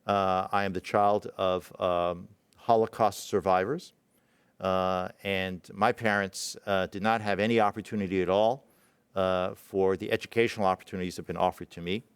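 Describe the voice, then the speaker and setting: Halting, reflective man with a low voice. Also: steady tone, clear, resonant tone, dry recording. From Israel. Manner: halting, many fillers and restarts, reflective. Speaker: presenting physician. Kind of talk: personal story in a talk.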